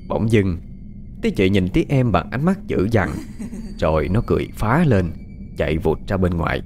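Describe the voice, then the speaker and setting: A man narrating a ghost story in a dramatic, expressive way. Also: low-pitched, moderate pace, over music.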